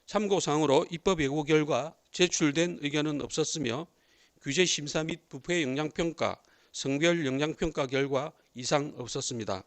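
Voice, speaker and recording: A man who heads a district office department, giving a formal, measured explanation of a bill. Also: fairly high pitch.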